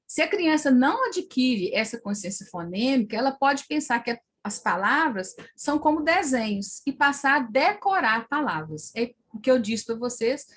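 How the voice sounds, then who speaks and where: Brazilian woman teaching teachers, kinda husky voice, keeps asking "right?". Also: sits high, big pitch swings, normal speed, few pauses, fairly bright tone. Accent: Brazilian Portuguese. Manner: explanatory, frequent tag questions. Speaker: teacher trainer. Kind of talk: lecture on early literacy.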